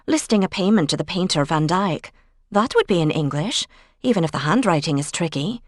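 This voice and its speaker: Brisk, practical woman researcher, as a woman narrator reads her. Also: on the low side, dry recording, clean studio sound, lightly acted. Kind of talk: cozy mystery audiobook dialogue.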